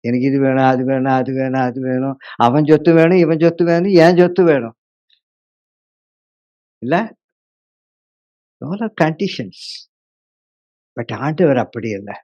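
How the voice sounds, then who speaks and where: A male pastor preaching a sermon, acting out his congregation's complaints in a lively way. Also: medium pitch, unhurried, pauses often, highs cut off.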